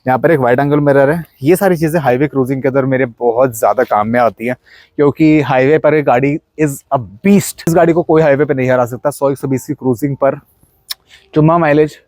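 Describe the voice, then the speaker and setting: A young Indian-accented man walks around his modified car, chatting casually and pointing things out, mixing Hindi and English. His voice is mid-range and a little mellow, fairly quick, with no room sound.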